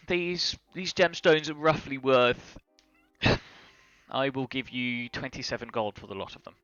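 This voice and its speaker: A man's voice: mid-range voice, fairly even intonation, takes it slowly, bright, forceful tone, no echo, dull audio, soft background music. Stern shopkeeper woman, as a man puts her on.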